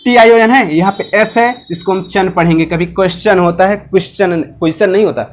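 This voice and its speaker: A man's voice: high voice, brisk. An Indian man teaching English pronunciation, mixing English and Hindi, often asking a question and answering it himself. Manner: repetitive drilling with self-posed questions. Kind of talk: classroom-style explanation mixing English and Hindi.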